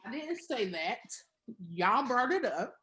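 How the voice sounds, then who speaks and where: A woman's voice: a little high, sing-song, takes it slowly, heavy background noise. Blunt woman firing back comebacks. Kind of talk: casual group chat.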